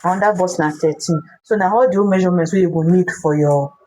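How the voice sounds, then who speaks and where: Female tutorial host, West African Pidgin English, low-pitched voice, instructional delivery with repeats and check-in questions. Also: fast, mellow, poor audio. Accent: West African, speaking Pidgin English. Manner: repeats phrases, checks that viewers follow.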